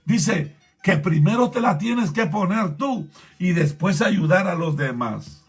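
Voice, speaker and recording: A man preaching a sermon as a pastor, impassioned and rising to shouts, repeatedly urging his listeners to pay attention. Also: high voice, animated, slow, husky, faint music behind.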